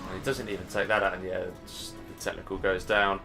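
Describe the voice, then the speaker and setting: A man's voice: sits low, level tone, brisk, bright, forceful tone, faint music behind. A man casting a live strategy game match, chatty and casual, thinking aloud and sounding tired. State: tired, yawning. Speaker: game caster.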